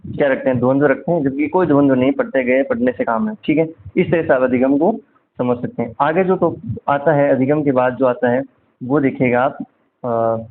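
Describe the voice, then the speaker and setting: A man teaches an exam revision lesson, tossing out questions to his students and answering them right away. His voice sits at an ordinary middle pitch. The sound is thin and tinny, like a phone line. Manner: asks quiz questions and answers them himself. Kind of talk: revision lecture.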